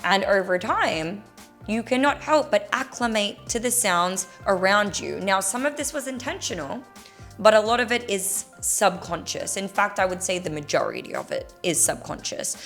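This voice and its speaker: A woman's voice: medium pitch, lively intonation, normal speed, a bit bright, faint music behind. A young woman from Australia with a mixed Australian and American accent, frankly answering viewer questions in a casual vlog. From Australia, Gold Coast. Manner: candid, frank, chatty.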